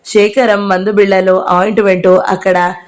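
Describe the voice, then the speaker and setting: A woman narrating an audio novel in a steady storytelling read. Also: mid-range voice, moderate pace.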